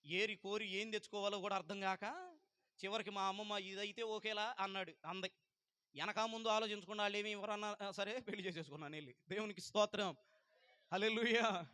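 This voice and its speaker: Pastor guy preaching, high voice, loud then hushed, dry sound. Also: no room sound. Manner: preaching with sharp shifts from loud rebuke to quiet asides. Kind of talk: testimony sermon to a congregation.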